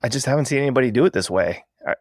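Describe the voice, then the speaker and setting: A man's voice: medium pitch, lively intonation, very fast, dry recording. Enthusiastic male podcast host, dry sound. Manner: enthusiastic, effusive, chatty. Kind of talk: casual conversational interview.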